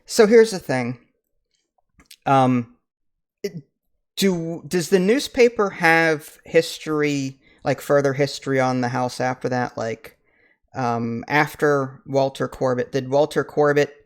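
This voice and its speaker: A man's voice: medium pitch, slow, smooth. A man playing a tabletop game, talking casually and asking questions as a player.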